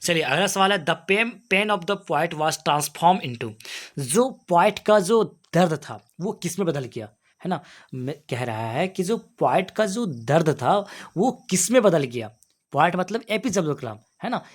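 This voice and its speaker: A man's voice: a little high, big pitch swings, normal speed. A young man from Jharkhand teaching school students, reading each English exam question and explaining it in Hindi, repeating answers and asking them questions back. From Jharkhand, India. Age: young adult.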